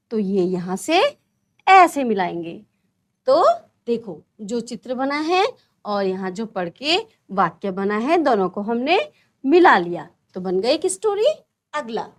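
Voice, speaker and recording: Woman, primary teacher, high voice, slow unhurried pace, asks and answers her own questions. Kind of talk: children's lesson, explaining a textbook.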